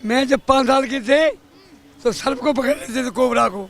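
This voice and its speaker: A man's voice: extremely high pitch, a bit bright. An older man talking in a street interview, emotional and boastful, his voice breaking into tears at times. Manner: emotional, boastful, drawn-out singing and tearful. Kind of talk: street vox pop.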